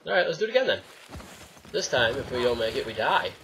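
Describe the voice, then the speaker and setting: A young adult man hosts a let's play, offering casual, wry commentary, swearing and addressing the game's characters. His medium-pitched voice is quick, creaky and a bit bright, with big swings in pitch. Game sound plays behind him in a noisy recording.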